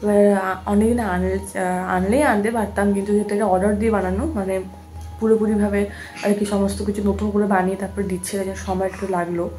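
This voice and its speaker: Fast-talking chatty young mother vlogging. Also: mid-range voice, flat delivery, warm tone. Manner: rambling, chatty, with many restarts and fillers. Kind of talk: casual chatty vlog talk to viewers.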